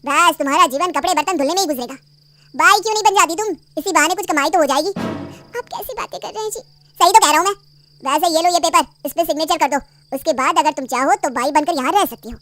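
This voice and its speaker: A woman voicing a bossy, short-tempered young husband in a cartoon family story, loud and demanding. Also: very high-pitched, quick pace. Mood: scornful.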